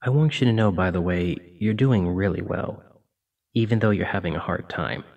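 A low-voiced man at normal speed plays an apologetic, kindly sleep paralysis demon in an ASMR roleplay, keeping things gentle, reassuring and informal. The mic is distant and the highs are cut off.

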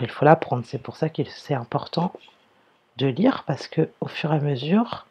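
A primary school teacher giving a slow, careful reading lesson to young pupils, sounding out and spelling words one by one. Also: mid-range voice, vocal fry, darkish tone, slightly rough, dull audio.

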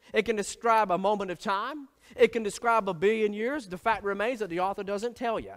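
A man's voice: high-pitched, fairly bright tone, long reverb tail. A man preaching as pastor, emphatic, building his points through repeated phrases. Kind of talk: sermon.

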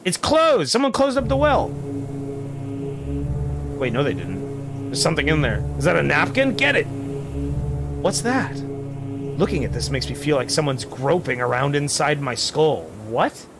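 A man live streaming casual game commentary in an excitable, joking, sweary way. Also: mid-range voice, a little slow. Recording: music and game sound underneath.

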